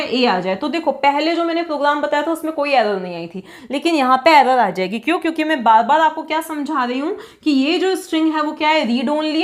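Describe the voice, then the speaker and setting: A woman explaining programming, constantly asking and answering her own rhetorical questions. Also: sits high. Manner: quizzes herself with repeated rhetorical questions. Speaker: programming teacher. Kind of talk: classroom-style coding lecture.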